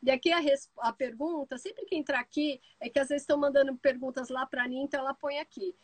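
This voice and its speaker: A woman with a Brazilian Portuguese accent hosting a live stream, telling stories fast and full of asides. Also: sits high, dry recording, low-quality recording. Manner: lively storyteller, talks fast with many asides. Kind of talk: casual live chat.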